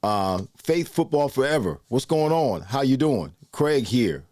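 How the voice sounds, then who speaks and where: A man in his sixties hosts a casual livestream, chatting loosely and greeting viewers by name. His mid-range voice swings widely in pitch, has a darkish tone and a measured pace, captured in a dry, studio-quality recording.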